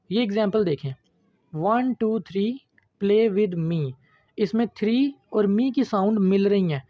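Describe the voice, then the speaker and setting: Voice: medium pitch, no room sound, muffled recording. An online literature lecturer giving a patient, step-by-step video lesson and addressing viewers as friends.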